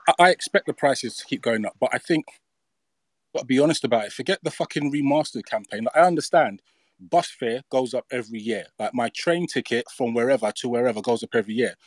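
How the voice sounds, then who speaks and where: A man in a casual panel discussion, blunt and animated, a bit out of breath. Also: mid-range voice, no echo. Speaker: podcast co-host.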